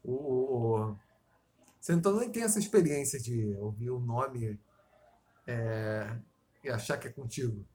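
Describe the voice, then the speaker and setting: A man's voice: medium pitch, lively intonation, measured pace, dark tone. A Brazilian man co-hosting a casual podcast, rambling, swearing freely and drifting into talk about poetic meter. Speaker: podcast co-host. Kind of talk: casual chat.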